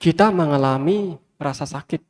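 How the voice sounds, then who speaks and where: A man's voice: a little high, moderate pace, darkish tone. A man, a Buddhist monk, giving a sermon with repeated, emphatic phrases and speaking straight to his listeners. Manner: repetitive emphatic preaching, addresses listeners directly. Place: large hall with many fans. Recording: long hall reverb.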